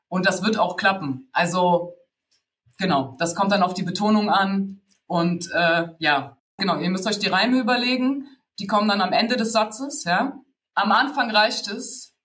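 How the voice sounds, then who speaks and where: A man teaching rap technique in a relaxed, slangy spoken lesson, full of fillers and restarts. His voice sits high and sounds bright and forward. He keeps it informal and chatty. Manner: loose, slangy, laughs between points, many fillers.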